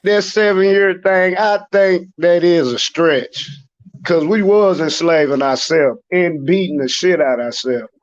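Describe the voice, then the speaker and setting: A man's voice: fairly high pitch, unhurried. Man in a dull-sounding podcast chat.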